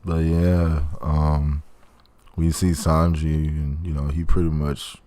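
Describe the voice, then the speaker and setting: A man with an extremely low, deep voice chatting easily on an anime podcast. He is relaxed and agreeable, chiming in with short remarks and casual asides. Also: takes it slowly. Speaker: podcast co-host.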